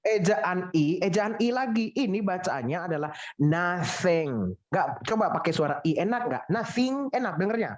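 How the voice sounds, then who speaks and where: A woman teaching English pronunciation to a class, lively and teasing, drilling words over and over. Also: on the low side, normal speed. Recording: dull lo-fi sound.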